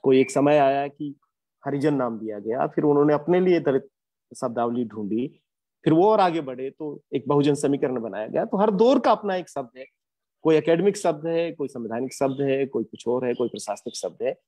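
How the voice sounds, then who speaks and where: A man giving an academic lecture, earnest and reflective, pausing often with hesitations. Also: medium pitch, lively intonation, mellow. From India. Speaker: guest lecturer.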